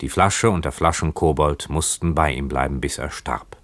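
Very deep-voiced male audiobook narrator. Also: fairly bright tone, no echo. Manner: measured, dramatic storytelling. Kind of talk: audiobook reading.

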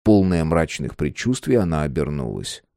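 A man reads a novel aloud in an expressive, scripted narration. His pitch moves in a lively way, and the recording is close and dry. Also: normal speed, dry recording. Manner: expressive reading that voices each character. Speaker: audiobook narrator.

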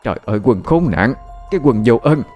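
A man's voice: lowish voice, slow pace, mellow, echoey room, long reverb tail, faint music behind. A man voicing an elderly mother in a storytelling narration, who scolds with wailing curses. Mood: scolding.

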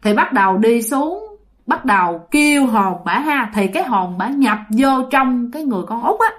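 Woman telling a ghost story, chatty, fairly high and very lively voice. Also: moderate pace. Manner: chatty, addresses listeners directly. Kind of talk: casual spoken ghost story.

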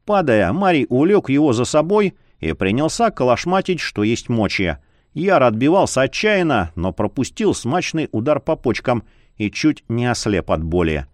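Expressive male audiobook narrator. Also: normal speed, no echo. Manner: expressive, swinging pitch. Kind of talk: dramatic fantasy narration. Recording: dry close studio sound.

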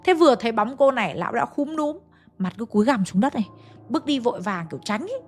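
A woman tells a ghost story in a chatty, confiding way, turning often to her listeners. Her voice sits a little high. Faint music plays underneath. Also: lively intonation, fast. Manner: chatty, addressing listeners directly.

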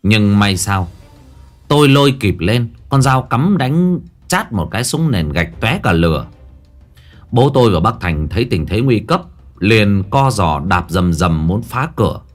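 A man with a low-pitched voice narrates a ghost story in the first person. His intonation rises and falls dramatically as he tells it, and faint music sits underneath. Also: a little slow. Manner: lively, dramatic telling.

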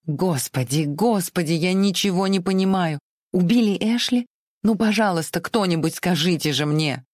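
A reader voicing a panicked young Southern belle in an audiobook, pleading and shrill. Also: animated, unhurried, no room sound, clean studio sound, natural voice. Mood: frantic. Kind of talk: audiobook reading.

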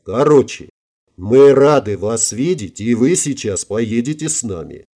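A man voicing a cocky young street tough, gruff and swaggering. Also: medium pitch, lively intonation, unhurried, mellow.

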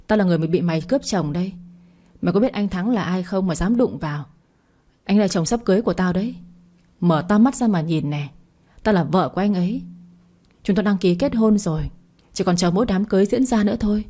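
A woman narrator voicing a shrill, furious young woman who hurls rapid insults at a rival. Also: dark tone, close to an everyday voice. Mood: accusing. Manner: rapid, abusive scolding.

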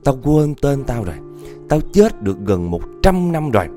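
A man's voice: mid-range voice, very animated, normal speed, warm tone, faint music behind, voice pushed up, close to an everyday voice. A man voicing an ancient vengeful old male ghost with a Northern Vietnamese accent, menacing and set on taking a victim.

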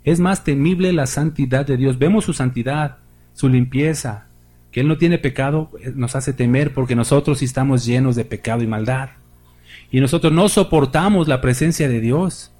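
A man's voice: mid-range voice, moderate pace, mellow, slightly rough. A male pastor preaching a sermon, reading scripture aloud with rising emphasis and speaking directly to the congregation.

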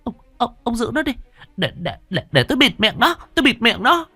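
A woman's voice: a little high, sing-song, brisk, bright, forceful tone, breathy edge, dry recording, faint music behind, voice pushed up, exaggerated voice. A man voicing a panicked older village wife who stammers in fear, in a told ghost story.

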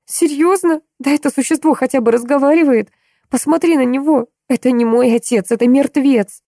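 A woman reading an audiobook, voicing a distraught young woman who pleads and cries out in a higher voice. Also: moderate pace, mellow, no room sound, studio quality. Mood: accusing. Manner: pleading, raised and tearful. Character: young woman, tearful and horrified.

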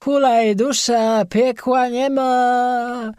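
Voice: mid-range voice, normal speed, darkish tone, no room sound, clean studio sound, natural voice. A narrator voicing a drunken bald peasant who howls and bellows pagan chants in an audiobook. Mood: rowdy drunk. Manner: howling, slurred bellowing. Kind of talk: audiobook character voice.

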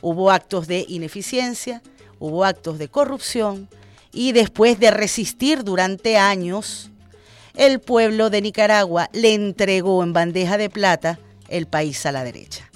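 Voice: mid-range voice, expressive, a little slow, soft background music. A radio host with a Venezuelan accent giving impassioned political commentary, repeating phrases for emphasis.

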